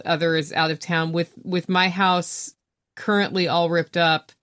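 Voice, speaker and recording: A woman talking casually and informally as an interview guest, speaking from inside a small camper trailer. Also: low voice. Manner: informal, chatty, plain-spoken. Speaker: podcast guest, homesteader.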